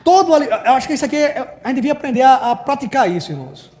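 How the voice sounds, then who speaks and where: Brazilian male preacher, informal sermon, very high and animated, long church-hall reverb. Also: rapid-fire. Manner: informal, keeps addressing the congregation as brothers. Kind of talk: conversational sermon.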